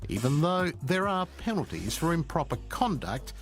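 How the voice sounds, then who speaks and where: An Australian TV news reporter reads scripted current-affairs narration in a punchy, sensational style. His voice is fairly high for a man, with big swings in pitch, and he speaks at a normal speed. Music plays in the background.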